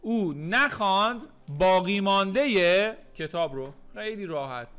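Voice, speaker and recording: A man teaching English in a recorded lesson, repeating English phrases slowly and then explaining them, with playful joking asides. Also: sits high, animated, fairly bright tone, clear, resonant tone. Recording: faint music underneath.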